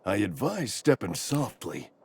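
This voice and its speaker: A man's voice: lowish voice, wildly swooping pitch, a little slow, a little mellow, full character voice. An actor playing a fretful, ailing old man in a video game, theatrically doleful and sure he is dying, with old-fashioned turns of phrase. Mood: anxious, pleading. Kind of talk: video game character dialogue.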